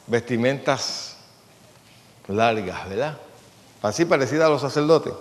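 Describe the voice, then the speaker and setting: A man's voice: medium pitch, animated, a little slow. A man, a pastor giving a plain-spoken, conversational sermon and asking his congregation questions. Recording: long hall reverb.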